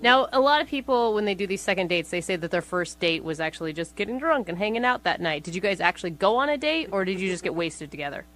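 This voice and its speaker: A woman's voice: mid-range voice, lively intonation, fast, hardly any pauses, fairly bright tone. A woman co-hosting a morning radio show, blunt and sarcastic as she reads gossip and grills callers. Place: radio studio.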